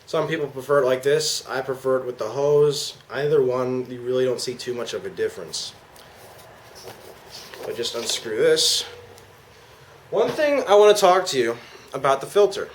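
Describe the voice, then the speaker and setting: A man's voice: mid-range voice, moderate pace, pauses often, rough recording. Casual man reviewing gear over noise. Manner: informal, slangy. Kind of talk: casual product demonstration. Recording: clear background noise.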